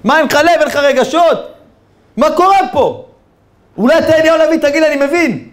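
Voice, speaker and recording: A man voicing a middle-aged male taxi driver who is agitated and crying, pleading in a shrill, frantic voice. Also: huge pitch swings, dark tone, roomy sound, exaggerated voice.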